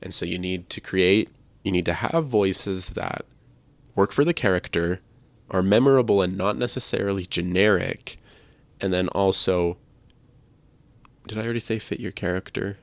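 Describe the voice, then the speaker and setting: A man co-hosts a podcast, casually discussing video games and making his points with some emphasis and repetition. His voice is low and at a normal speed, with no echo.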